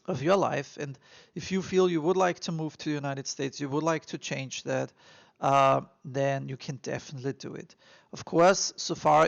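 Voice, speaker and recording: An immigration vlogger with an Austrian accent gives advice straight to the camera, earnest and encouraging, repeating his points and leaning on lots of fillers. His slightly high voice carries a gravelly, fry-tinged edge, and the audio is dull and lo-fi.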